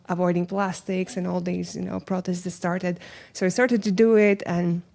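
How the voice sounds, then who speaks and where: Low-voiced Latvian woman telling her story. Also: creaky, darkish tone. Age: young adult. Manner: earnest, thoughtful, non-native phrasing. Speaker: podcast guest, founder. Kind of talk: casual interview storytelling.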